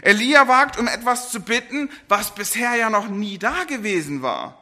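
Male preacher, middle-aged, earnest sermon delivery, high-pitched and bright. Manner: earnest, rises for quoted laments then drops low and soft.

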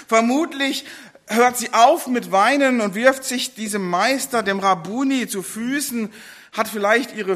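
A man's voice: high-pitched, bright, forceful tone. A man giving a sermon, retelling the story with feeling and briefly acting out the people in it. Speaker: preacher.

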